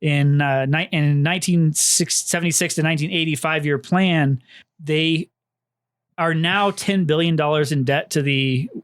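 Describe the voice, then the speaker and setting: A man with a slightly higher voice walks his co-hosts through history in a loose, rambling way. He leans on fillers and swears without a second thought. The sound is close and dry. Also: steady tone, measured pace, clean tone, dry recording. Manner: loose and chatty, lots of fillers, swears freely. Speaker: podcast co-host presenting history. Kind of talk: casual history podcast narration.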